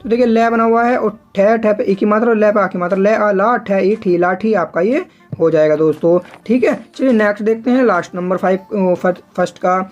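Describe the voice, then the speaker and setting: A man's voice: high-pitched, a little fast, lo-fi sound. A man teaching shorthand step by step in a patient, repetitive way, often turning to the viewers as friends. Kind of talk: step-by-step tutorial explanation.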